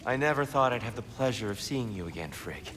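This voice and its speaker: An actor playing a humble, world-weary pacifist god in a video game, earnest and soft-spoken. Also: male voice, medium pitch, animated, a little fast, slight background noise, lightly acted, poor audio. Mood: tender. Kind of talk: video game character acting.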